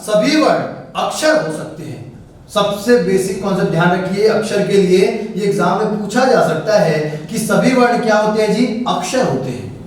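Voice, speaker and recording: A man's voice: high voice, animated, normal speed, recorded from a distance, a little hiss or hum. A man teaching Hindi grammar in a classroom style, asking questions and answering them himself. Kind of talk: classroom lesson explaining grammar. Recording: very echoey room, voice away from the mic.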